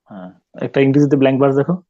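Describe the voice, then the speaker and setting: A male teacher giving a classroom poetry lesson, questioning students and pausing often to search for words. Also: mid-range voice, dark tone, dry recording, highs cut off. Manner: stops to quiz students, mixes English terms, many hesitations.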